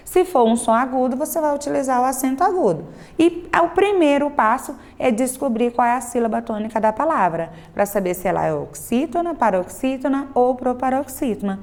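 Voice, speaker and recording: Woman teacher modeling pronunciations slowly. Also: fairly high pitch, darkish tone. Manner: slow, exaggerated modeling of pronunciations; frequent tag questions to the class. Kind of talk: remote grammar lesson for children.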